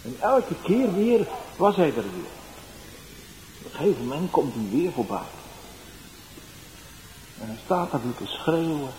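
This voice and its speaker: A man's voice: fairly high pitch, sing-song, unhurried, pauses often. Evangelist man, echoey room. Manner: swings from soft storytelling to loud exclaiming. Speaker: evangelist preacher. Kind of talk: sermon with personal testimony. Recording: roomy echo, faint background noise.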